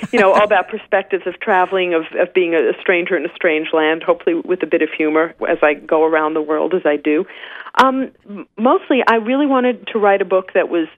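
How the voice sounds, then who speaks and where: A woman's voice: fairly low pitch, dry recording. A woman author with a Canadian accent, chatting as a guest in an interview, self-deprecating and full of restarts. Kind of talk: phone-in interview. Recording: tinny phone line.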